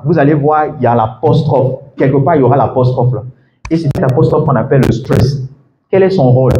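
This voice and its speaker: A man teaching English to a class of students, lively and full of questions to the room, laughing often. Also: a little high, highs cut off. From Ivory Coast. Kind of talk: classroom masterclass. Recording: echoey room with faint background noise.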